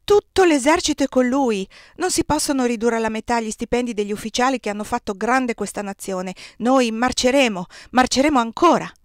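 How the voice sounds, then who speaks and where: A woman reading the part of a fiery, resolute young man who speaks forcefully in an audiobook. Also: mid-range voice, fairly even intonation, a little fast, dry recording, clean studio sound, close to an everyday voice.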